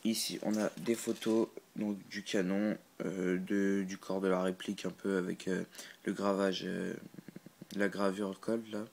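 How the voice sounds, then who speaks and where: A man's voice: low voice, little pitch movement, a little slow, vocal fry, slight background noise, low-quality recording. A man hosting his own channel, giving a casual unscripted product review full of "euh" fillers and restarts, and laughing at his own slips. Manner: hesitant, filler-heavy, restarts often. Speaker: channel host reviewing a replica gun.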